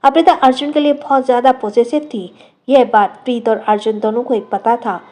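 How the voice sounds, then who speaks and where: A woman narrating a scripted audio drama as a storyteller, in a steady, dramatic manner. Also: fairly high pitch, brisk.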